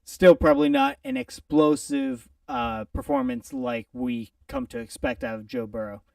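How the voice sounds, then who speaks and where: A man co-hosting a casual football prediction chat, playful and theatrical, swinging from loud outbursts to mutters. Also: on the high side, huge pitch swings, moderate pace, gravelly, dry recording, distant mic. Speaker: podcast co-host.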